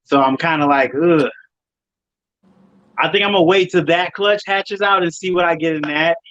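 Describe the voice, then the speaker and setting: Casting: man from Wisconsin, relaxed rambling guest, dry close sound with lo-fi audio. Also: on the high side, a little fast, no echo. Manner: relaxed, rambling, self-correcting. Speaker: guest, snake breeder and podcaster. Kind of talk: casual interview chat.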